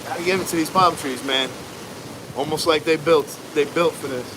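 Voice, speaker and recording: A man's voice: a little high, fairly even intonation. An American man livestreaming casually outdoors, talking in a laid-back, rambling, slangy way over wind. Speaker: livestream host, barber. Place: outdoors at home during a windy storm. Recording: noisy outdoors, loud wind and ambience. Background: wind and rushing water ambience.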